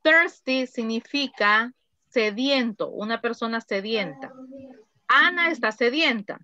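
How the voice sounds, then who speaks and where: Woman teaching english slowly, kinda muffled dull sound. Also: fairly high pitch, animated, pushed and bright. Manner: slow, careful, repeats phrases for students. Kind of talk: online class explaining grammar.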